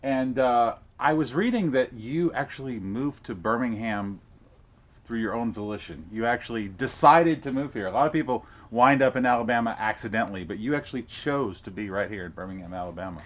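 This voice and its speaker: A man's voice: mid-range voice, fairly quick, a bit bright. A man hosting a casual music interview, chatty and enthusiastic, often stumbling and repeating words. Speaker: host.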